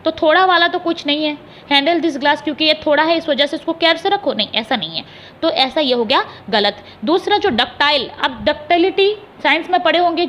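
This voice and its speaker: A woman's voice: sits high, fairly bright tone. A woman teaching an exam-prep English lesson. She explains each answer step by step, spells words out letter by letter and keeps checking in with her students. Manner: reads English questions slowly and deliberately.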